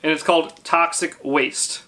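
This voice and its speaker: A man's voice: fairly high pitch, steady tone, measured pace, bright, forceful tone. A man in his thirties chatting casually as a dad and host, recorded on a camera mic in a living room. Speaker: YouTube host and father. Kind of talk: casual family vlog chat. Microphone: camera mic a few feet away.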